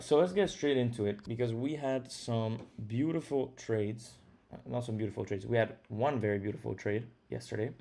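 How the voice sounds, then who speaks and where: A young man from Italy streams live trading at home, his accented speech casual and full of fillers as he thinks out loud. He sounds on the low side, creaky and warm.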